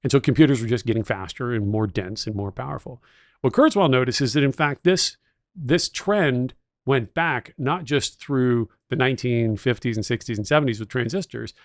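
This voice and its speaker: A middle-aged man co-hosting a podcast, with a gravelly, fry-edged voice. He speaks at an ordinary pitch and tells stories with keen enthusiasm, and the sound is dry and close with no room echo. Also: moderate pace. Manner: enthusiastic storyteller, techno-utopian. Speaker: podcast co-host. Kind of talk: casual chat.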